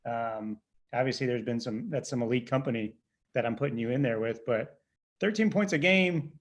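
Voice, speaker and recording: A man's voice: medium pitch, moderate pace. A man hosting an interview, talking casually and enthusiastically, with lots of fillers and teasing his guest. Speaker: interview host.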